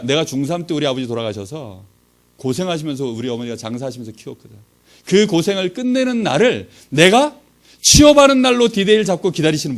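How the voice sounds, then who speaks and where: A man's voice: medium pitch, gravelly. A man giving a sermon-style testimony as a pastor, telling his story with rhetorical questions and acted-out dialogue. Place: church training session.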